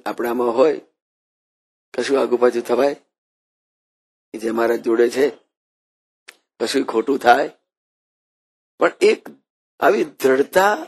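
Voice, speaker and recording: Gravelly husky male preacher. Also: medium pitch. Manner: storytelling with quoted voices and Sanskrit verses, dynamic swings in loudness. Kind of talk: devotional sermon.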